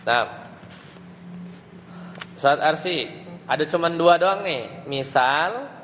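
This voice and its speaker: A male religious teacher walks a class through Arabic grammar, pausing to ask questions. He speaks slowly in a slightly raised voice. The sound carries a long hall reverb over faint ambient noise. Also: a little high, expressive, a bit bright. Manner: explains step by step, asks the class questions. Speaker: Islamic teacher.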